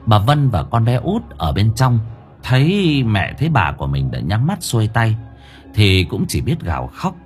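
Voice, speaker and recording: A man narrating a horror audiobook in a dramatic, drawn-out storytelling manner. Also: fairly low pitch, huge pitch swings. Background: faint music.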